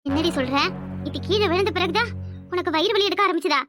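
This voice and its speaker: A woman voicing a fretful, loud old mother-in-law in a village cartoon, who talks in panicky, scolding bursts. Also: very high-pitched, fast talker, faint music behind. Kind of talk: Tamil village cartoon voice acting.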